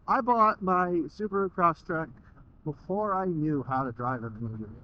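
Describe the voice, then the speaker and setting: Animated American man talking inside a helmet. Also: a little high. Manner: sweary, informal. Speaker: motovlogger riding a motorcycle. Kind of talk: casual motovlog monologue. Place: inside a helmet on a moving motorcycle outdoors. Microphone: microphone inside the helmet. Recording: muffled, dull helmet mic.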